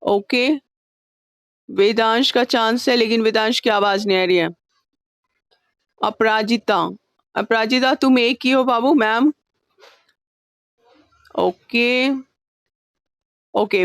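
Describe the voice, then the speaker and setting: A woman's voice: fairly high pitch, no room sound. Patient woman teaching an online class. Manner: patient, coaxing, calls students babu; mixes Hindi with English terms.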